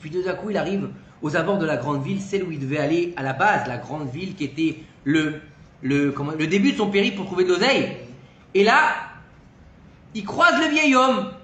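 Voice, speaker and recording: A man's voice: a little high, fairly quick. A man teaching Torah through a casual, colloquial story told with animation. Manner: lively, colloquial, animated retelling. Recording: echoey room, faint background noise.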